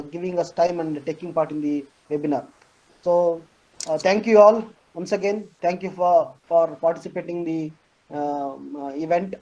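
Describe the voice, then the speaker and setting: A man, a professor giving a formal, halting vote of thanks over a video call. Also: fairly high pitch, warm tone, a little hiss or hum, low-quality recording. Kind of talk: formal webinar speech.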